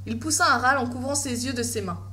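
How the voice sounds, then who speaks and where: A woman's voice: fairly high pitch, fast talker, sharp tone, slight background noise. A woman reading a scripted first-person horror story as its narrator.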